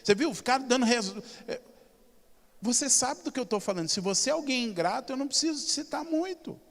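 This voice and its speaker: Emphatic high-voiced Brazilian pastor. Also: male voice, animated, fast. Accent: Brazilian Portuguese. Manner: emphatic, storytelling, swings between loud and soft. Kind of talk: sermon. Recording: reverberant church hall.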